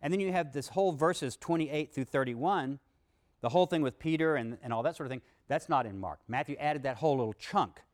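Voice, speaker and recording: A man lecturing to students, animated, reading passages aloud with emphasis and adding wry asides. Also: a little high, brisk. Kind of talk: university lecture.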